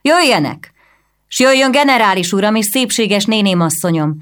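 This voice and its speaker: A woman voicing a brash young male prince in an audiobook, calling out loud proclamations. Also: mid-range voice, lively intonation, voice pushed up, lightly acted. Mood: commanding. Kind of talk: audiobook reading.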